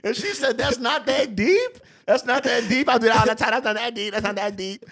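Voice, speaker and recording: New guy hosting a podcast, crude, loud, keeps cracking himself up. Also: very high voice, a little fast. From Brooklyn, New York. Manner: loud, profane, laughing, mocking. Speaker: podcast host. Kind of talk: casual reaction commentary.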